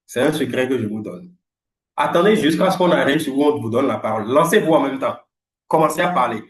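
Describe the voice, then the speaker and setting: A man in his forties teaching English in French, telling a story in an animated, emphatic way. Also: medium pitch, fairly quick, reverberant. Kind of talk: lively storytelling lesson.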